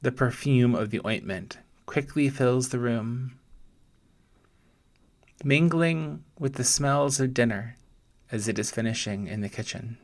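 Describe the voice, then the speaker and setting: With gentle deliberation, a pastor narrates scripture as an imagined scene during a guided meditation. He speaks very slowly in a medium pitch, leaving pauses between his short phrases.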